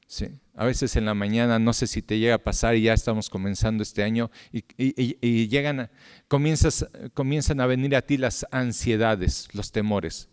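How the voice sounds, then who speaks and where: Middle-aged male pastor, smooth resonant voice, impassioned sermon delivery with loud peaks and hushed drops, long church reverb. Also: steady tone, normal speed. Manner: impassioned, rising loud at appeals then dropping to a low hush. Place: church hall.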